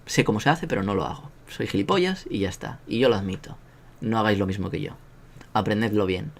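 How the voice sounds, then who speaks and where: A man's voice: fairly low pitch, fast, creaky. A man with a Spanish accent from Spain, giving a casual online language lesson in a joking, self-mocking way and drilling sounds aloud. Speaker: language teacher.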